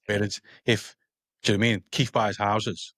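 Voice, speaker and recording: A man hosting a podcast interview. He talks in a relaxed, conversational way and keeps checking that he is understood. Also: lowish voice, normal speed, dry recording, studio quality. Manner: conversational, often checks in with listeners. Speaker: podcast host, auctioneer.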